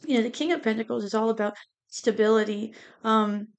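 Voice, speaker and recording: Creaky-voiced woman with a lisp from braces. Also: on the high side, brisk. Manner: hesitant, meandering, repeats "you know". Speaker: tarot reader. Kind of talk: casual tarot card reading.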